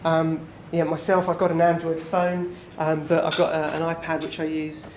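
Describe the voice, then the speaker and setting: A man with a slightly high voice talks at a moderate pace, giving a relaxed, conversational conference presentation to a small group and using lots of fillers. The recording has an echoey room and faint background noise.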